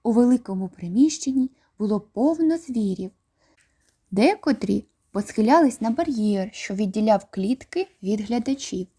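A woman narrating a children's audiobook in a calm, expressive reading voice. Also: on the high side, normal speed, slightly rough.

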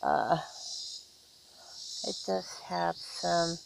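A woman giving a casual, unhurried tour of her backyard garden, filming with a handheld camera outdoors and talking with many fillers and pauses. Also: lowish voice, animated, vocal fry, noisy background. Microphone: handheld camera, filming as she walks. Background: faint insects and outdoor ambience.

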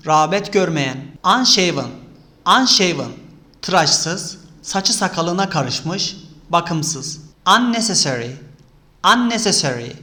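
A man with a Turkish accent reading an English vocabulary list slowly, saying each word twice and then giving its Turkish meanings. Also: sits high, bright, forceful tone. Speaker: vocabulary reader.

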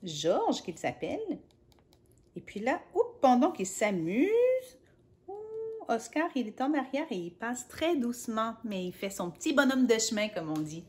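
A woman's voice: fairly high pitch, a little slow. Playful woman reading to kids. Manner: playful, animated, adds sound effects and asides. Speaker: children's storyteller. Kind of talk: reading a picture book to children.

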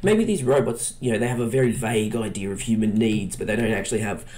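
A relaxed man hosting a casual gaming let's play. He talks in an easygoing, jokey way and laughs often between comments. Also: lowish voice, fast talker.

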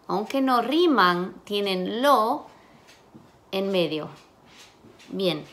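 Slow, deliberate woman teacher. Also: medium pitch, lively intonation, a bit bright. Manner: slow, sounding out letters one by one. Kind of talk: classroom phonics lesson.

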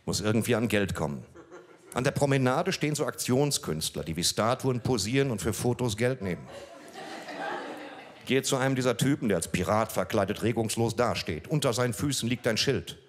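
A middle-aged man doing deadpan stand-up, telling a story read from a page into a handheld mic on a small club stage, breaking off now and then to talk to the audience. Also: medium pitch, a little fast. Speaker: comedian.

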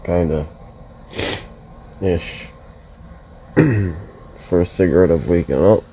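A man's voice: deep voice, takes it slowly, mellow, husky, low-quality recording. A man commentating his mobile game casually, groggy from just waking up, swearing and muttering to himself. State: just woke up, yawning.

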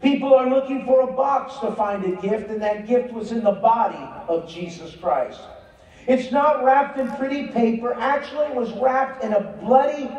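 A man's voice: extremely high pitch, moderate pace, a little mellow. A man preaching a sermon in an emphatic cadence, recorded by a phone from the seats of a large church auditorium. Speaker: pastor. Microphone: filmed from the seats by phone. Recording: distant, muffled, echoey arena.

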